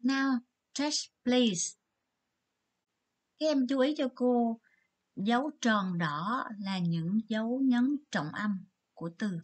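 A woman's voice: on the high side, animated. A woman teacher with a Vietnamese accent giving a vocabulary lesson, reading English words and explaining them in Vietnamese. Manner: slow and careful, switching between English words and Vietnamese explanations. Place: Nha Trang school.

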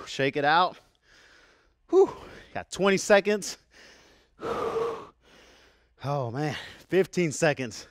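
A man's voice: fairly high pitch, animated, extremely slow, long pauses, no echo, studio quality. Panting male fitness coach counting reps. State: out of breath. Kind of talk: workout instruction.

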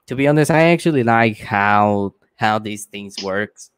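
Young guy hosting a stream, chill and chatty, smooth voice, dry sound. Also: lowish voice, unhurried, dry recording. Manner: relaxed, chatty, amused. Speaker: livestream host. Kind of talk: casual livestream chat.

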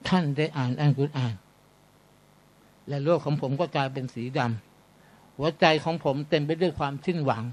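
A man preaching in a garage meeting room, telling a story with lively, animated delivery and speaking straight to his listeners. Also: fairly high pitch, moderate pace, long pauses. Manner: animated, addresses the audience as brothers and sisters. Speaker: Islamic preacher. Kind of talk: storytelling sermon.

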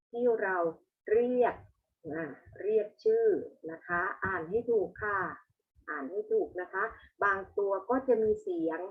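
A woman's voice: mid-range voice, narrow, tinny audio. A woman teaching young pupils, patiently reciting the alphabet and having them repeat each letter. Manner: slow, patient, calls the pupils "ลูก". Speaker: primary school teacher.

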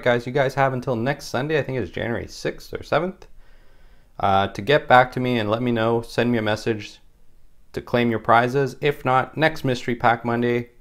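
A man hosting a casual, upbeat card-opening and giveaway vlog, chatting directly to viewers and often repeating his phrases. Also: mid-range voice. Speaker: YouTube host of a trading card channel.

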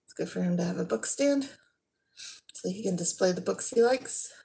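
Handling each find in turn, a vlogger in her thirties chats casually about her thrift haul in the living room at home. She speaks at medium pitch in a creaky, dark-toned, slightly rough voice. Her delivery is unhurried, drifting off as she handles items.

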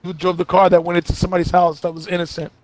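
A man's voice: high voice, level tone, very fast. A man co-hosting a comedic gameplay commentary, playful and riffing. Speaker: gaming channel co-host.

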